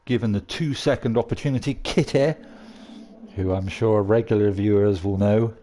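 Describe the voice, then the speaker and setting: A man's voice: on the low side, a little fast, dark tone. A man hosting a casual gameplay video from a room at home, chatting and rambling with frequent laughs. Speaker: gaming video host.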